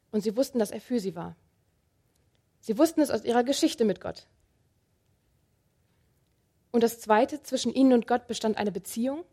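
A woman preaching a sermon, speaking calmly and earnestly and addressing the listener directly. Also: fairly high pitch, breathy edge. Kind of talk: sermon with Bible reading.

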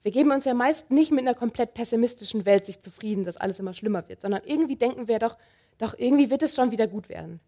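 A woman preaching a sermon, speaking calmly and earnestly and addressing the listener directly. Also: fairly high pitch, fast talker. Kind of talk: sermon with Bible reading.

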